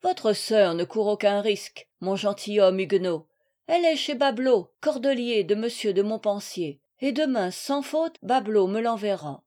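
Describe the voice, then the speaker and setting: A woman's voice: medium pitch, normal speed, a little mellow, natural voice. A woman voicing a bold, jovial male knight who teases his guest with mock gallantry, in an audiobook reading.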